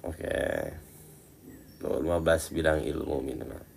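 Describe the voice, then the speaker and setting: A man with a low, gravelly voice gives a relaxed religious lesson. He talks to his listeners like friends, teasing as he goes. He jumps from loud, emphatic lines down to quiet, muttered asides. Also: a little slow, slight background noise. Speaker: Islamic religious teacher. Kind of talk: casual Islamic study talk.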